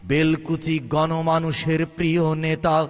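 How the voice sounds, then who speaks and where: A man calls out a rally announcement through an outdoor loudspeaker in a slow, chanting sing-song. His voice sits a little high and barely moves in pitch, and it rings out with a long reverb. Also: monotone, smooth. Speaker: campaign announcer. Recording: long reverb, faint background music.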